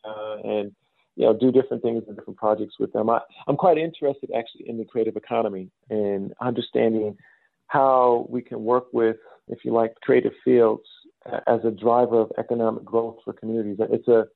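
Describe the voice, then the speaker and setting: A middle-aged business school dean from Chicago's south side answers interview questions in a measured, explanatory, conversational way, often saying "you know." He has an American accent, an average male pitch with a creaky edge, and fairly even intonation. The audio is dry, muffled and echo-free, like a remote call.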